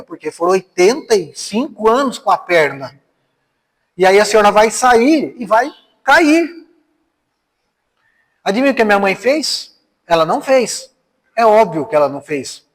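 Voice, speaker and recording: High-voiced Brazilian man lecturing in a reverberant hall. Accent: Brazilian Portuguese. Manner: conversational, asks the audience rhetorical questions. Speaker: spiritist speaker. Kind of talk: spiritist lecture with personal stories. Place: spiritist center hall.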